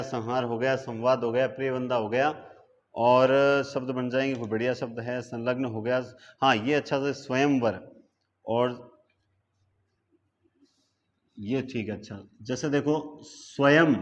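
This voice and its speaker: A man from India leads a live grammar lesson at a deliberate, unhurried pace. He breaks words into parts and stretches every syllable. The sound is muffled and lo-fi, like a streamed class. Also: mid-range voice. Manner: stretches out words syllable by syllable while explaining at a board; asks the class rhetorical questions to check understanding. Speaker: Hindi grammar teacher.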